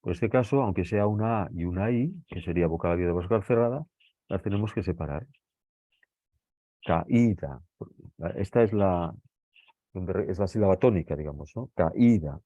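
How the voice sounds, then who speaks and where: A man's voice: sits low, brisk, no room sound. A male teacher from Spain giving a grammar lesson, explaining patiently step by step and often checking in with his listeners. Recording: dull lo-fi recording.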